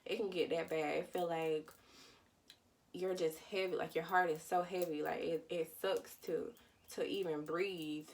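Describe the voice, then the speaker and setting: Young woman, lower voice, casual candid storytelling, darkly humorous, slightly distant mic. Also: fairly even intonation, measured pace, darkish tone. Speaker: vlogger. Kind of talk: personal storytelling.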